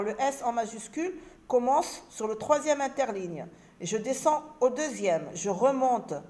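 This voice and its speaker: Slow-spoken woman teaching children to read. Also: fairly high pitch, a little mellow. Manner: slow, clearly spelled-out syllables and repeated words. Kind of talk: reading lesson for children.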